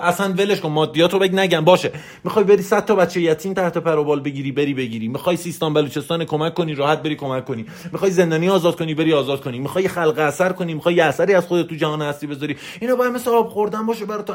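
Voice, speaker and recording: A man giving a motivational lecture as a success coach, forceful and emphatic, raising his voice and firing off lists. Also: high-pitched. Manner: repetitive, rapid-fire lists.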